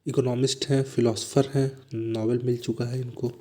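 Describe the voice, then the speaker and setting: Indian man, exam coach, dark mellow tone, monotone and unhurried delivery. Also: medium pitch. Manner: reads questions slowly, then explains in fast asides. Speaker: exam prep teacher. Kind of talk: explaining exam answers.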